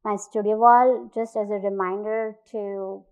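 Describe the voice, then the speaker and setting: A woman from India, an artist, giving a thoughtful talk about her work, pausing often with fillers and restarts. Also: mid-range voice, little pitch movement, darkish tone, clear, resonant tone, low-quality recording.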